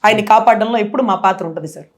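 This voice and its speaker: A woman giving an impassioned, forceful political interview as a guest, speaking with strong emotion. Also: mid-range voice, racing. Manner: impassioned, forceful, tearful at times.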